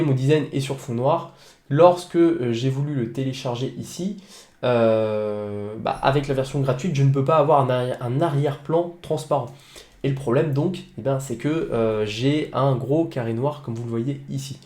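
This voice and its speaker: A young man talks viewers through a software tutorial from his home office, pausing often with fillers and restarting his sentences. His voice is mellow and relaxed, at a mid pitch. The recording has a roomy, echoey sound. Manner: hesitant, many fillers and restarts. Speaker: online business tutor. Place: home office with a noisy computer.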